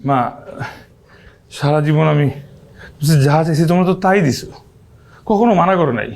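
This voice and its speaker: A man's voice: on the high side, normal speed, vocal fry, a little mellow. An actor playing a spoiled, lovestruck young man who pleads restlessly with his mother in a TV drama. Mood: anxious. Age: young adult. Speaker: lovestruck son. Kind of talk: TV drama acting.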